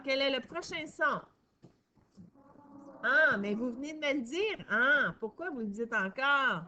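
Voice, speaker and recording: A woman teacher, giving a recorded phonics lesson to young children in a patient, encouraging way and sounding out syllables slowly. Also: a little high, bright, forceful tone. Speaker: primary school teacher.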